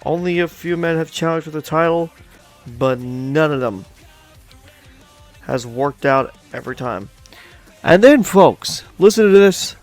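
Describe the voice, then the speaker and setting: A man's voice: fairly high pitch, animated, unhurried, long pauses, a little mellow, faint music behind. Upbeat male wrestling show commentator. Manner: hype announcer tone, addresses folks, chatty with co-host.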